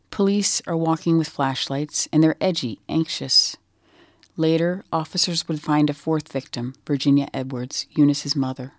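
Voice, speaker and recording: A reporter giving measured, scripted narration of a true-crime story. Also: medium pitch, no room sound, studio quality.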